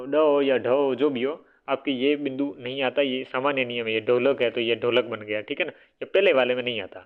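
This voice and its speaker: Speaking at a medium pitch, this Hindi grammar teacher runs a relaxed spelling session aimed at exam preparation. Each word gets repeated, and he tests his audience by asking "what will it be?", occasionally fixing his own mistakes and dropping offhand remarks, all over phone-like narrow-band audio.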